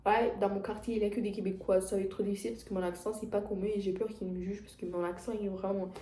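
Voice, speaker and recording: A woman's voice: mid-range voice, level tone, racing, dark tone, echoey room. A teenage girl with a French accent, talking casually to her viewers in a rambling confessional vlog at home, full of restarts and fillers. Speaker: vlogger. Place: at home, indoors.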